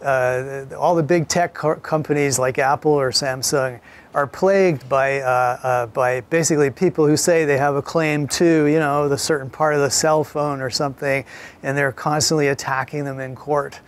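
A man's voice: medium pitch, fairly even intonation, normal speed. A man lecturing a college class in a conversational way, often repeating words as he thinks aloud.

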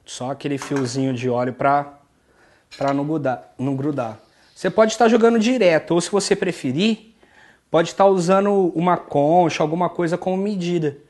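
Cooking at home, a chatty Brazilian host speaks Portuguese with an interior São Paulo accent and keeps talking directly to his viewers. His voice sits on the high side at a moderate pace, and the relaxed demonstration moves between his home kitchen and an outdoor street market.

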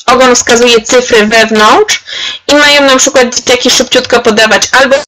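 A woman trainer runs an online webinar for teachers, demonstrating an activity on screen while chatting encouragingly and calling participants by name. Her voice is on the high side, bright and forceful, with fairly even intonation and normal speed, though the recording quality is low.

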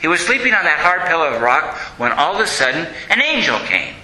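A priest tells stories in a sermon, his voice high and sharply bright. His pitch swoops expressively, and the sound carries through a roomy church. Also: fairly quick. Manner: storytelling, lively.

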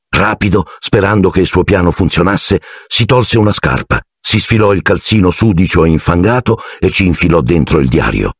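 A man narrating an audiobook in a measured storytelling manner on a close mic. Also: low-pitched, slightly rough, no room sound. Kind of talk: scripted narration.

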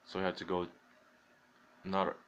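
A man's voice: deep voice, monotone, brisk, lo-fi sound, slight background noise. Man chatting over a horror game. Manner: swears, jokes and reads game text aloud, chewing gum. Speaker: gamer playing a horror game. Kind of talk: casual gameplay commentary.

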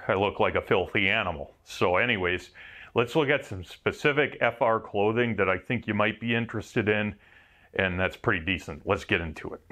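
With a fairly bright tone pitched on the low side, this man talks in a Wisconsin accent. He's a welder casually going over his work gear, rambling, offhand, and self-mocking, with the occasional curse word.

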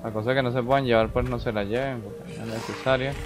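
A man's voice: medium pitch, steady tone, quick pace. A man hosting a gaming channel, giving casual gameplay commentary and thinking aloud as he plays. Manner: rambling, thinks aloud while playing. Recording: game music playing behind the voice. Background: game music.

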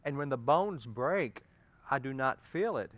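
A man preaching a sermon, swinging from loud pleading peaks to soft earnest talk and asking his listeners direct questions. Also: medium pitch, animated, measured pace, no room sound.

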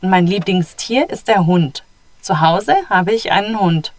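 A woman reading the part of a friendly schoolgirl introducing herself on a language-textbook audio track, in slow, clear, dry studio sound. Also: on the low side, dry recording, lightly acted.

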